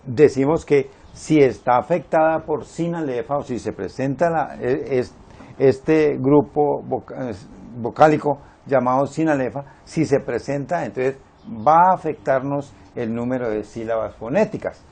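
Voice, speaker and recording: A man teaching a Spanish grammar lesson, explaining syllables slowly and counting them out step by step. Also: medium pitch, darkish tone.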